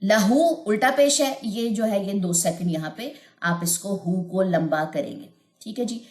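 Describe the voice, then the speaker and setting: A woman's voice: medium pitch, a little mellow. Woman teaching Quran recitation, echoey room. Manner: patient, repeats points, chants verses in a slow melodic recitation. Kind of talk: tajweed lesson with chanted recitation.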